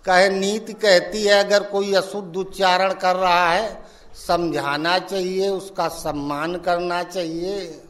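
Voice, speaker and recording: Spiritual teacher, male; unhurried storytelling sermon, higher-pitched delivery. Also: fairly even intonation, a bit bright. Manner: slow, folksy storytelling with acted-out dialogue.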